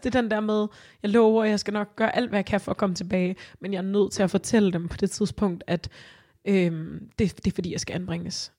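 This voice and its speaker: A young adult woman telling her own story in a podcast interview, earnest and halting, with many fillers and restarts. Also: medium pitch, darkish tone. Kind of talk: personal testimony in a podcast interview.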